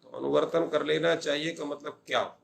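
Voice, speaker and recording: A man's voice: fairly high pitch, steady tone, moderate pace, vocal fry. An older male professor lecturing on Sanskrit grammar, posing questions and answering them himself. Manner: explanatory, asks and answers his own questions.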